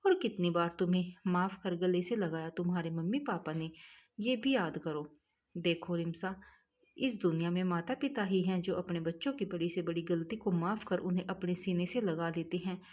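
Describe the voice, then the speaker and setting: A woman voicing a kind young man who gently and patiently advises a runaway girl. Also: on the low side, moderate pace, lightly acted. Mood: gentle.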